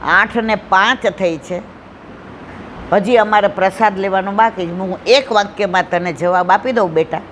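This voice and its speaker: A woman speaks in a devotional satsang, telling a story and voicing its people herself. She stresses key lines with slow, repeated phrases, and a faint noise hums behind her voice. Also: medium pitch, a bit bright. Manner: acts out dialogue in storytelling, slow emphatic repetitions.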